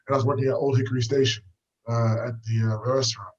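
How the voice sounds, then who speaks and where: Young US man, quick relaxed storyteller on a walk, slightly muffled recording. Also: mid-range voice. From United States. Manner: easygoing, rambling with many fillers. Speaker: guest, fighter. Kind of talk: casual storytelling interview. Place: walking outdoors.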